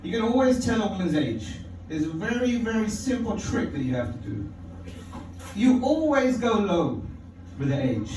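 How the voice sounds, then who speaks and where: A man's voice: sits high, very animated, normal speed, a little mellow, slight background noise. A man from performing a stand-up set in a comedy club, wry and profane, chuckling at his own lines. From London. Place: comedy club stage, indoors. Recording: echoey club audio from far off.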